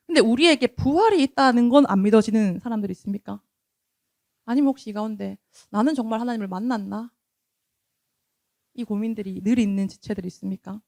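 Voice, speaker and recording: A woman's voice: medium pitch, vocal fry, a little mellow, dry recording, studio quality. A young woman with a Gyeongsang accent preaching a sermon at a youth service, talking conversationally and asking the congregation questions.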